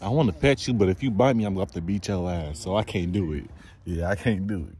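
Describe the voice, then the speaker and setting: A man's voice: sits low, quick pace, very noisy. A man filming a casual vlog, doting on a stray dog and talking to it in a fond, coaxing way outdoors. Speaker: vlogger.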